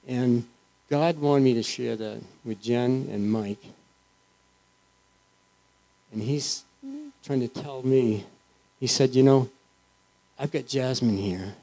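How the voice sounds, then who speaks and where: A man giving an informal, earnest testimony in church, halting and restarting often as he speaks. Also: mid-range voice, creaky, dark tone, low-quality recording. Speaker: church member sharing.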